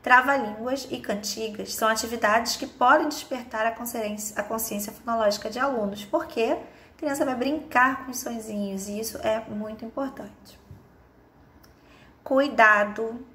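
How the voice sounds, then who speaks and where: A woman with a Brazilian Portuguese accent teaching an online lesson, explaining step by step and drawing out example words slowly. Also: a little high, fairly bright tone. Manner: patient, explains step by step with many "né?" and "tá?". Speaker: teacher of a course.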